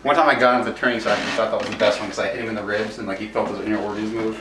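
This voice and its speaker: Rambling fast-talking young man. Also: on the low side, steady tone. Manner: rambling storyteller with many fillers and restarts. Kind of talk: casual chat at a family gathering. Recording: echoey room from a distance with noise.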